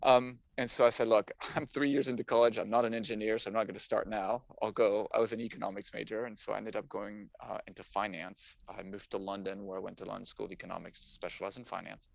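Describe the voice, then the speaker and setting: Dull, muffled lo-fi audio with no echo carries a middle-aged man from Paris, France, a native French speaker working in finance and guesting on a podcast. His low-ish voice has vocal fry and a flat delivery, and he talks quickly with hardly any pauses, telling casual, story-like answers.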